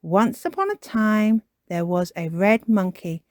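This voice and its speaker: A woman voicing a sensible, gentle mother pig in a children's storybook. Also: medium pitch, very animated, measured pace, no room sound, clean studio sound. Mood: coaxing.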